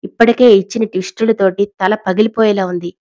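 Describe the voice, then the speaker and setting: A woman's voice: medium pitch, steady tone, fast, dark tone, no room sound, lightly acted. A woman voicing a proud, powerful matriarch who talks back angrily and arrogantly in an audio story, recorded with a dry, dull sound. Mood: tense. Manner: arrogant, angry, pleading. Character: proud powerful older woman, cornered and angry.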